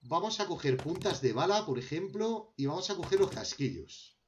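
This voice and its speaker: A man's voice: a little high, animated, moderate pace, a little hiss or hum. A young man with a Spanish accent, casually commenting on a survival game as he crafts, talking to himself and to his viewers. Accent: Spain. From Spain. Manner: talks to himself while crafting, addressing viewers as friends. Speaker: gameplay commentator.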